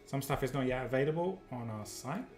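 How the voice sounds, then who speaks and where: A man presenting a casual livestream product demo, joking and upbeat as he talks through the software. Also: medium pitch, a little fast, faint music behind. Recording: roomy echo.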